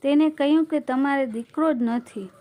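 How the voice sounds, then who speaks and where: Sweet young bride, simple and sincere, a lady narrator doing her, high voice. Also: normal speed, mellow, close to an everyday voice.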